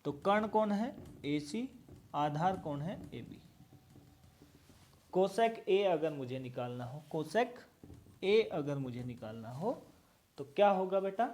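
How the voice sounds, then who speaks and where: A man's voice: on the high side, animated, slow pace, long pauses, a little mellow, a little hiss or hum. A male maths teacher giving a classroom lesson, patiently repeating each step and asking questions aloud. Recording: very echoey room, mic far away.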